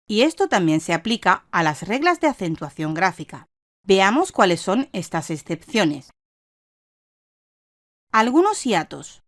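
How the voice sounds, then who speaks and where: A woman reading a scripted instructional lesson in a measured, didactic way, stressing each example word. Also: medium pitch, dry recording, studio quality. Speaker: online course narrator.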